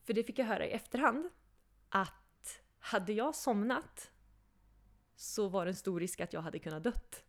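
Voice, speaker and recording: A woman's voice: medium pitch, long pauses. Young woman telling a story animatedly. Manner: animated, acts out quotes, laughs often. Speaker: podcast guest telling her story. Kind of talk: casual storytelling.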